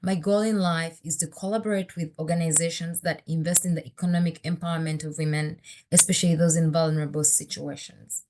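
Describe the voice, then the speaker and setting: A woman's voice: low-pitched, fairly even intonation, a little fast, a little mellow, slight background noise. A woman from Uganda, a board member, reading a prepared speech at a virtual event and introducing the next speaker. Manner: formal, reading a prepared speech with small slips.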